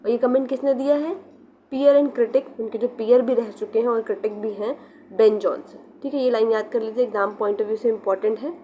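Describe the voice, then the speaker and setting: Higher-voiced woman teaching literature. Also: fairly even intonation, brisk, mellow, dull audio, a little hiss or hum. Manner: explains step by step, repeats key terms, mixes in English. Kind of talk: exam-prep lecture.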